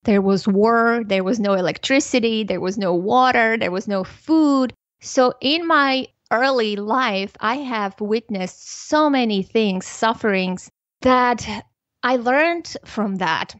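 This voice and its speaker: A woman, a guest on a podcast, speaking in an earnest, measured, thoughtful way. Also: on the high side, no room sound. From Armenia. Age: 40s. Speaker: podcast guest, parenting educator. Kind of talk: reflective interview talk. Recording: slightly muffled dry recording.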